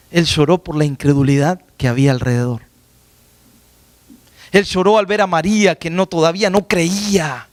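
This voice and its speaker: A man preaching a fervent sermon in a high, ringing voice. He peppers the congregation with rhetorical questions and swings from loud climaxes to hushed asides. The sound is close and dry, with no room echo. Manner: impassioned preaching with rhetorical questions, calls listeners "hermanos". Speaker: pastor. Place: church.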